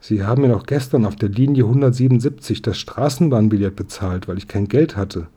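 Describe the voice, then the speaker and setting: An eager, polite country schoolboy who turned detective, voiced by a man reading aloud. He chatters with raised pitch and bright enthusiasm, though the voice keeps a husky edge. He sounds like a character from a storybook audiobook. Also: a little fast.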